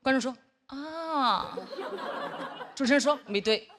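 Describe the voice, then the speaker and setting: High-voiced woman doing stand-up. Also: slow. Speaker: stand-up comedian. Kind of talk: stand-up comedy. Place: stage before a live audience. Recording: live stage recording with a loud crowd and noise.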